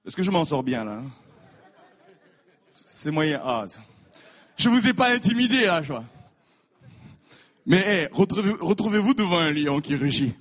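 A man preaching a sermon, animated, repeating his words and acting out the people in his stories. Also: on the high side, moderate pace, long pauses. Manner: animated, repeats words, acts out voices of biblical figures. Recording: reverberant hall.

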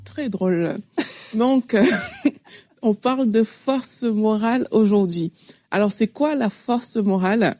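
A woman with a soft, dark voice explains a devotional thought steadily and earnestly. The sound is dry, with no room echo. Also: medium pitch, slow pace, faint music behind. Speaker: co-host giving a devotional thought.

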